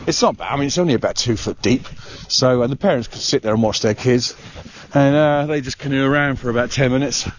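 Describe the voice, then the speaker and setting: A man's voice: medium pitch, fast talker, hardly any pauses. A middle-aged man, chatting casually and a little out of breath as he walks and vlogs through a waterside park, rambling with plenty of "uh"s. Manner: rambling, chatty, with frequent "uh" and restarts. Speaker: travel vlogger. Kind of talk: casual walking vlog. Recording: dull lo-fi sound with clear background noise.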